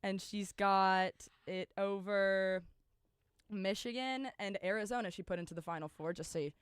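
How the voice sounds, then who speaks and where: A woman's voice: medium pitch, fairly even intonation, moderate pace, clear, resonant tone, dry recording, studio quality. A young woman co-hosting a sports radio show, upbeat and playful in casual chat. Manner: upbeat, playful, reads updates.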